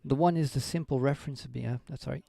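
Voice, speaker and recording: Male, low unhurried voice with fry, mellow and dry, haltingly working through a philosophy text in discussion. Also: fairly even intonation, dry recording. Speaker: reading group member leading the discussion. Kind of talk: informal philosophy discussion with reading aloud. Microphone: voice call microphone.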